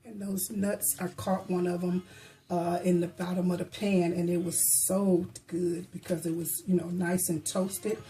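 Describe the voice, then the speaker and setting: A woman with a mellow, soft-edged voice chats casually in her home kitchen as she bakes and samples her treats. She hums as she savors each bite and talks with her mouth full, in a relaxed, chatty way. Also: on the low side, unhurried, poor audio. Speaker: baking vlogger. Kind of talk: casual chat.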